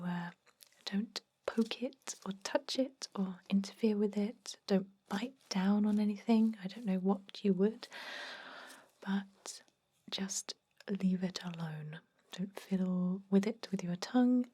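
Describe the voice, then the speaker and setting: A husky, mid-range whisper belongs to a woman performing an ASMR roleplay: she's a calm, no-nonsense vampire dentist giving soft, gentle instructions.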